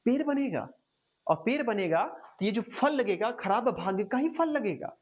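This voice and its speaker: A woman's voice: a little high, animated, normal speed, a little mellow, husky. A woman giving a motivational lesson, putting questions to her listeners and answering them herself. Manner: calls listeners "dear my champion". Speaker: motivational coach.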